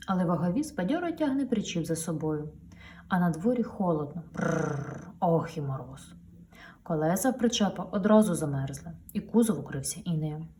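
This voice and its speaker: A woman's voice: on the low side, lively intonation, moderate pace, dark tone. A woman reading a children's picture book aloud to her daughter, with playful storytelling and sound effects, heard a little distant from the mic.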